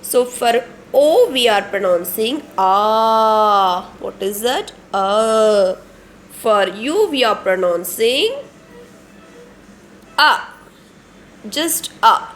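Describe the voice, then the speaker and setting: Woman, Indian English accent, young adult, kindergarten teacher, slow drawn-out speech, repetitive questioning manner, faint background hiss. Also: mid-range voice, lively intonation. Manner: slow and repetitive, asking children questions and answering them herself. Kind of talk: online phonics lesson.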